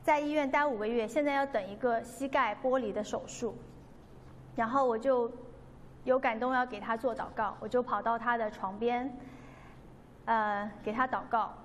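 Woman, fairly high voice, earnest testimony, long reverb with faint background noise. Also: fairly even intonation, normal speed. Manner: earnest, devout, re-enacts dialogue. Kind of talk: personal testimony storytelling.

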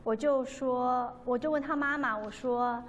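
Woman, fairly high voice, earnest testimony, long reverb with faint background noise. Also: fairly even intonation, unhurried. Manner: earnest, devout, re-enacts dialogue. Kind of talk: personal testimony storytelling.

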